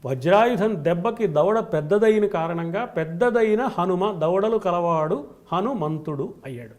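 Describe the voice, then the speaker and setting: A man's voice: high voice, expressive, normal speed, a little mellow. A man, a spiritual scholar, giving a devotional discourse on scripture, stressing points in rhythmic lists. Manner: emphatic, rhythmic lists of qualities.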